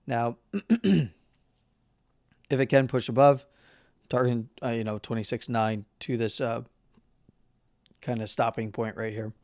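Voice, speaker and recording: A man hosting a live market analysis stream who is losing his voice, talking casually through chart levels with halting fillers and the odd throat-clear. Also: medium pitch, steady tone, a little mellow, no room sound, studio quality. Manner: halting, with fillers and number readouts; clears throat and coughs now and then.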